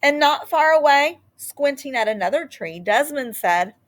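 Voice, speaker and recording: With a high-sitting voice and a moderate pace, a woman reads aloud from a children's picture book in an expressive storytelling style.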